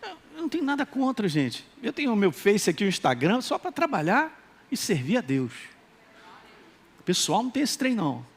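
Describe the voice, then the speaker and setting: A male pastor with a Minas Gerais accent preaching a lively sermon and acting out quoted voices. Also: high-pitched, normal speed, gravelly, husky. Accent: Minas Gerais Brazilian Portuguese. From Minas Gerais, Brazil. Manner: animated, acts out quoted voices, calls for responses.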